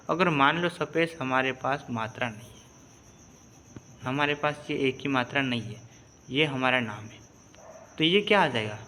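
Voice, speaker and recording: A man's voice: medium pitch, sharp tone, slight background noise. A man teaching a reading lesson step by step, patiently repeating and spelling out syllables.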